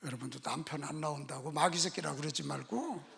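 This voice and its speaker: A middle-aged male pastor preaching with animated emphasis, acting out the stories he tells, in a prayer retreat chapel. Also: a little high, brisk, vocal fry. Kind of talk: sermon. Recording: echoey hall.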